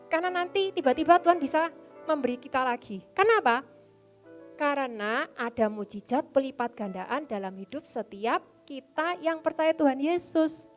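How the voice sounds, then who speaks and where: High-voiced woman preaching a sermon. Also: lively intonation, moderate pace, faint music behind. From Indonesia. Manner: exhorting, asks the congregation for answers. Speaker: youth service preacher.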